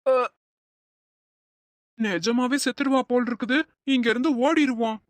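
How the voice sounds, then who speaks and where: A performer voicing a suspicious, grumbling balding auto-rickshaw driver in an animated comedy. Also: medium pitch, unhurried, dry recording, natural voice. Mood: indignant.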